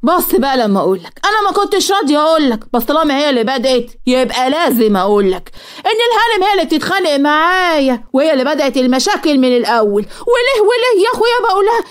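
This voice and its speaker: A woman voicing a loud, spiteful middle-aged aunt with an Egyptian accent, shrill and scolding. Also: very animated, very fast. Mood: indignant. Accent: Egyptian Arabic.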